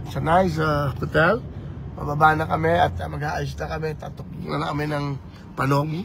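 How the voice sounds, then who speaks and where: A man chatting on a live vlog from inside a moving vehicle, talking in an animated and preachy way as he mixes languages. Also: fairly high pitch, normal speed, gravelly, background noise. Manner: animated, code-switching, preachy. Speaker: vlogger campaigning for office.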